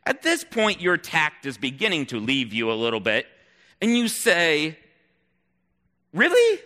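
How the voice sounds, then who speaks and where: A man tells a story in the second person, with an expressive delivery and dramatic pauses. His voice is bright and lively and moves at an unhurried pace. A long reverb from a large hall hangs around every phrase. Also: on the high side.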